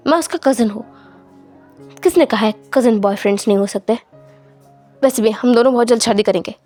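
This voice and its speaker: A woman's voice: on the high side, fairly quick, warm tone, faint music behind, voice pushed down, lightly acted. Woman playing a brusque, hot-tempered young man. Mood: protective.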